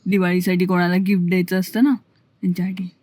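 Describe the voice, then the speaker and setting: A woman's voice: flat delivery, fast, warm tone, poor audio. A young woman with a Marathi accent, talking casually to the camera in a family vlog, explaining her plans as she goes. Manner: baby talk to a toddler, high sing-song. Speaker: vlogger. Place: outdoors and in a car, rainy coastal day. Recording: phone vlog with clear background noise.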